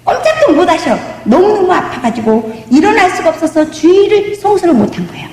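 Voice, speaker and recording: A woman's voice: very high voice, sing-song, fairly quick, darkish tone, slight background noise. A woman pastor preaching a testimony sermon, emphatic and calling out to the congregation, sometimes slipping into a sung lilt. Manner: emphatic preaching, asks the congregation "do you believe?"; drifts into sung intonation. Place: church sanctuary. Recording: echoey hall.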